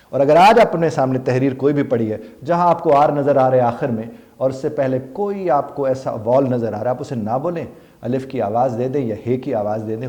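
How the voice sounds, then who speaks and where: Guy teaching english pronunciation, mellow tone, earnest, slows right down to model phrases. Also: medium pitch. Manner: earnest, asks students questions and answers them himself. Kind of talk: spoken English pronunciation lesson.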